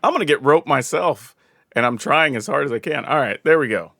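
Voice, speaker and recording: A man from the American South commenting casually on his own card game, thinking aloud and getting excited over big plays. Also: fairly high pitch, fairly quick, creaky, no echo, clean studio sound. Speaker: gameplay commentator.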